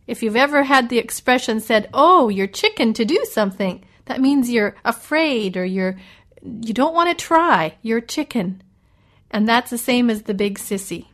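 A woman teaching English vocabulary, reading short stories aloud and patiently explaining and spelling out words, asking the listener gentle questions. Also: fairly high pitch. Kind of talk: slow explanatory reading lesson.

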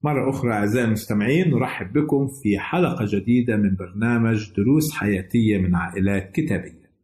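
A man's voice: medium pitch, darkish tone. A man hosting a religious radio program, giving a scripted Bible lesson in a formal, didactic manner. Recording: roomy, echoing voice recording.

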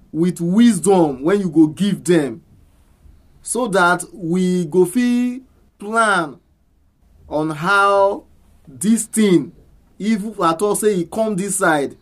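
Slow-paced Nigerian church elder praying in Pidgin. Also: male voice, high-pitched.

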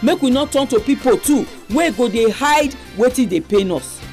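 A woman's voice: on the high side, animated, moderate pace, darkish tone. Nigerian woman hosting radio, music behind. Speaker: radio program host. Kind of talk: radio presenting and exhortation.

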